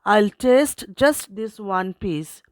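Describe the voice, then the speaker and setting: A woman's voice: mid-range voice, animated, slow pace, no room sound, clean studio sound. A woman voicing an anxious, scheming male servant in a children's story, pleading and worried. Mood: musing.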